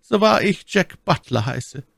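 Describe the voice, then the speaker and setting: A boisterous, greedy sea captain who barks his terms in a loud, raised voice with lively swings, played by a male audiobook reader. The sound is close and dry. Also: sits high, measured pace, creaky, no room sound, pitched above the performer's own voice, full character voice. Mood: bargaining. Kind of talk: audiobook reading.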